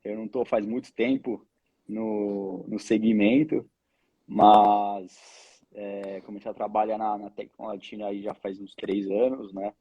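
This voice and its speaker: A man in his 20s, born in Argentina and raised in Brazil from age two, speaks as a guest representing his family's air-curtain business in a casual interview. His fairly low, slightly rough voice is delivered flatly, and he talks haltingly, often using tag questions to check for agreement. The online call audio is dull and lo-fi.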